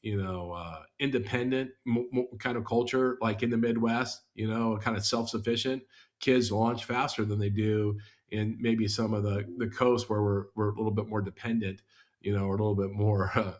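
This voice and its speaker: A man's voice: on the low side, steady tone, moderate pace. A man co-hosting a podcast, explaining data and charts in a rambling, casual way. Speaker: podcast co-host.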